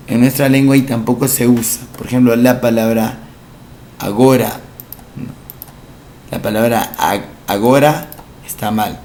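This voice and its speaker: A male language teacher, giving a recorded lesson for entrance exams, explaining slowly, repeating each word and asking rhetorical questions. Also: mid-range voice, vocal fry, a little mellow, a little hiss or hum.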